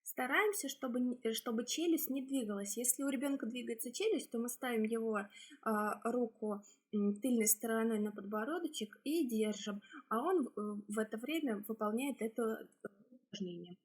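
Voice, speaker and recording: Higher-voiced woman instructor, slightly husky. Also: normal speed. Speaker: speech therapist teaching articulation exercises. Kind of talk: spoken instructional demonstration, explaining step by step.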